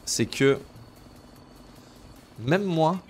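A man's voice: on the high side, lively intonation, drawn-out words, darkish tone, a little hiss or hum. A man streaming a shooter game, joking with his chat in casual commentary, making sound effects and slipping into mock English. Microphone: gaming headset.

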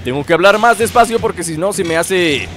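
A high-pitched young man, narrating his game and taunting enemies with playful shouts. Loud game music runs under his voice. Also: expressive, brisk. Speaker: gameplay commentator. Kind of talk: casual gameplay commentary.

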